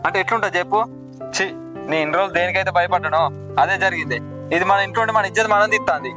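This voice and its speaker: A man with a Telangana Telugu accent playing a young village postman who pleads, defends himself and gets angry quickly. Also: high-pitched, over music, close to an everyday voice, low-quality recording. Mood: agitated. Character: young male village postman, anxious about honour. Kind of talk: village drama acting.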